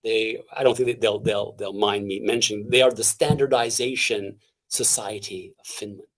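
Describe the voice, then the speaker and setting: A Canadian man, appearing as a guest in a casual interview, speaks in a fairly high, energetic voice. He's animated but halting, restarting phrases and sprinkling in fillers.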